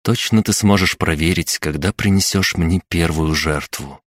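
A man's voice: deep voice, moderate pace, no room sound. Goddess of death, cool and commanding, read by a man.

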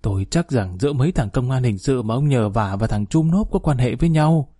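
A man reading aloud and voicing a sharp-tongued older wife and mother who accuses and wails in a storybook reading. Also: mid-range voice, animated, a little fast, breathy edge, dry recording, clean studio sound. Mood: calm persuading.

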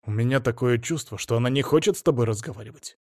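A man's voice: medium pitch, fast, darkish tone, no echo, natural voice. Man reading as a protective young adult son, blunt, irritated, audiobook, dry sound.

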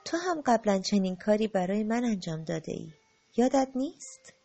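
A woman voicing a gentle, loving spirit in an audiobook, speaking calmly and tenderly. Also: medium pitch, creaky, husky, faint music behind, exaggerated voice. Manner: calm, tender, unhurried, softening to a hush. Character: gentle, loving spirit who agrees to play the wrongdoer.

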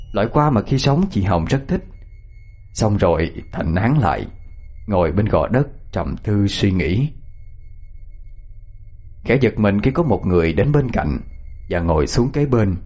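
A man, calmly narrating a scripted story. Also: lowish voice, slightly rough.

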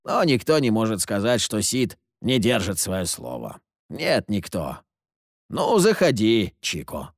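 Ворчливый больной незнакомец, насмешливый и грубый, сыплющий испанскими ругательствами, которого озвучивает мужчина-чтец. Живая, подвижная интонация, сухой звук без эха. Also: male voice, lowish voice, sing-song, measured pace, no echo, studio quality. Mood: scornful. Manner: gruff, scornful, curses with Spanish words. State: ill, coughing. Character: sickly, sardonic grown man lurking in the dark.

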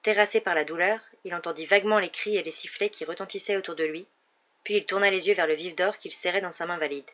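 A woman's voice: fairly low pitch, fairly even intonation, quick pace, muffled recording. A woman narrating an audiobook chapter, reading the story steadily and expressively.

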